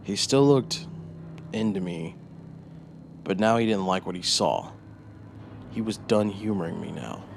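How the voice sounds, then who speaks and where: A man narrating a scripted horror story with a dramatic delivery that moves between hushed menace and eager swells. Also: deep voice, lively intonation, measured pace, gravelly, long pauses, a little hiss or hum.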